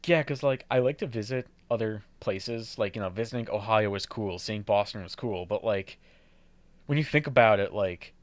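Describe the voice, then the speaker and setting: A young man co-hosts a podcast, chatting casually, rambling, swearing and laughing a lot. His voice is on the low side at a moderate pace, with no echo.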